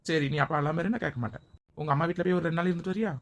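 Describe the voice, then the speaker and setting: Woman voicing a caring young husband, low and very fast. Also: natural voice. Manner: gentle, reassuring.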